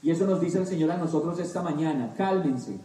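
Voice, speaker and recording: A man preaching a sermon, slow and emphatic with dramatic pauses. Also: on the high side, steady tone, mellow, distant mic. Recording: echoey room, voice off-mic.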